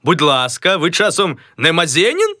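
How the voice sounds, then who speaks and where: A man's voice: fairly high pitch, wildly swooping pitch, normal speed, sharp tone, no echo, clean studio sound, pitched above the performer's own voice, heavily acted. A man doing a pompous clerk, Mazailo. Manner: self-important, tries several greeting voices. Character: pompous middle-aged man rehearsing a grand new name.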